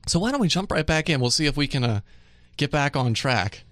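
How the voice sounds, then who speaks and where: A man hosting a casual tech news podcast, chatty and relaxed, with lots of fillers and easy laughs. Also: on the high side, fairly quick, no echo. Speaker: podcast host. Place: dry studio.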